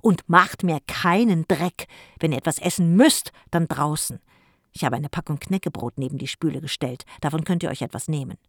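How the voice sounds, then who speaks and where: Fussy businessman uncle, grumpy and bossy, raised and loud, put on by the audiobook reader, dry close recording. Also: medium pitch, expressive, a little fast, no room sound. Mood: scolding.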